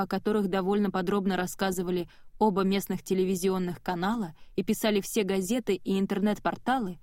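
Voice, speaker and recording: A woman's voice: medium pitch, darkish tone, no echo. Woman reading a story, dry close sound. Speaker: audiobook narrator. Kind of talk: scripted narration.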